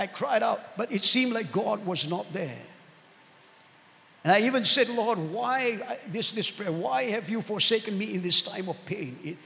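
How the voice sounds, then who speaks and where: Male preacher, high gravelly voice, emphatic sermon delivery, reverberant hall. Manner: emphatic preaching with sudden loud outbursts and asides to the congregation. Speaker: pastor.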